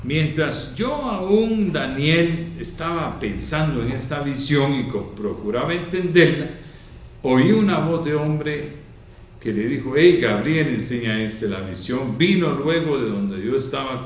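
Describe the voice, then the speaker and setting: A pastor with a medium-pitched, lively voice preaches a sermon in a very echoey church hall, recorded from a distance with a little hiss or hum. He reads scripture verses aloud, then pauses to comment on them slowly and emphatically.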